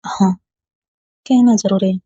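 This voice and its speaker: A woman's voice: mid-range voice, fairly even intonation, slow, warm tone, husky, dry recording, dull audio. A woman voicing a playful, confident young woman in love, speaking in a teasing, tender way, in a storybook reading. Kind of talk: storybook dialogue read aloud.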